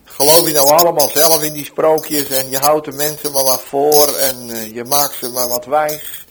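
A man's voice: medium pitch, unhurried, crowd noise, lightly acted, poor audio. A man voicing a bitter, terminally ill man in his fifties who first scoffs and then pleads in anguish. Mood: scornful.

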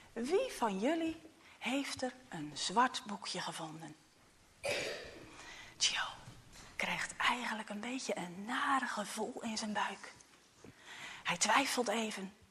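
A woman narrating a children's story softly, often dropping to a hush and then lifting with expression. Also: medium pitch, slightly rough, long reverb tail. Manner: soft, often hushed to a whisper, expressive.

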